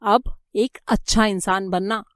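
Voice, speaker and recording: A woman's voice: mid-range voice, fairly even intonation, measured pace, no echo, clean studio sound, lightly acted. A woman voicing a stern but kindly male prison warden in an audiobook, speaking in a firm, advising tone.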